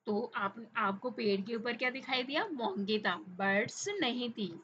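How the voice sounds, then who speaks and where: A woman teacher with an Indian accent walks children through a textbook chapter. She has a bright, fairly high voice, reads the English lines slowly, then explains them quickly, mixing English and Hindi. The recording sounds slightly dull, with faint hiss behind her.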